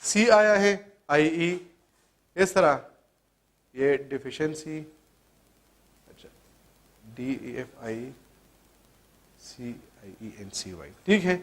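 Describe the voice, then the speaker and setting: High-voiced man teaching spelling rules. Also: expressive, long pauses. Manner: asks questions then answers them, spells out letters. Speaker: English teacher. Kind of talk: classroom grammar lesson.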